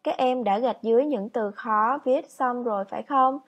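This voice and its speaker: A woman teacher narrating a scripted lesson for children, instructive, reading example sentences out slowly like dictation. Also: on the high side, slightly rough, muffled recording. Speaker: primary school teacher. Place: voice-over on lesson slides.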